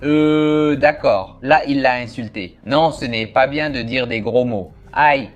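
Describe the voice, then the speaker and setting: A man's voice: mid-range voice, takes it slowly, lo-fi sound, soft background music. A man playing a horror game aloud as a gaming host, joking and voicing the game's characters. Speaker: gaming youtuber.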